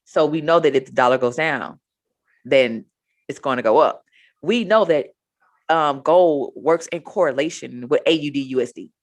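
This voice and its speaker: A woman's voice: sits low, normal speed. A woman in her thirties giving a casual trading lesson, chatty and often checking in with "right?". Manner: chatty, repeats "right?" to the viewer. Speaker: trading educator.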